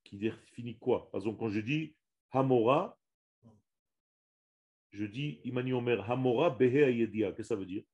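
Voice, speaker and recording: A man's voice: mid-range voice, moderate pace, pauses often, darkish tone, muffled recording. A man teaching a religious lesson on the Hebrew language to a small group, speaking in an emphatic way, repeating and restarting his words and stressing each Hebrew term.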